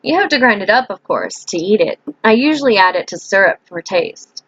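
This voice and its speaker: A woman's voice: medium pitch, expressive, fairly quick, fairly bright tone, husky, dry recording. A woman gives voice to a courteous young man who brews potions, polite and lightly teasing, never quite giving a straight answer. The delivery sits in a plain, everyday register, captured dry and a little dull, like a simple home mic.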